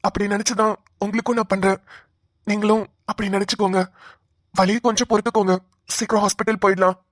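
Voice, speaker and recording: A woman voicing a kind young man in a cartoon who calms and reassures others. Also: high-pitched, moderate pace, no echo, clean studio sound. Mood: reassuring. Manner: soothing, reassuring. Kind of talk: cartoon voice acting.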